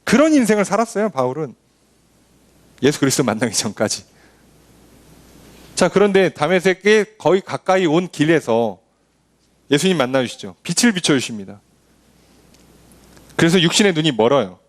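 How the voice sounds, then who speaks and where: Male pastor preaching, bouncy sing-song delivery, slightly high voice, plays out braggy voices. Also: moderate pace, pauses often. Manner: lively preaching, acting out boastful voices with scoffing clicks. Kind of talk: sermon.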